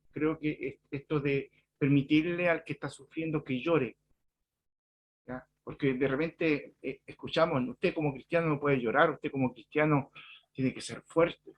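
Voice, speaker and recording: A man, a student in a class, describing a grief case and sometimes halting mid-sentence. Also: fairly high pitch.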